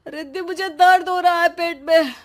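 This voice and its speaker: A woman's voice: very high-pitched, fairly even intonation, normal speed. A woman voicing a young husband who is pregnant, whiny, fearful and always complaining. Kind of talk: storybook voice acting.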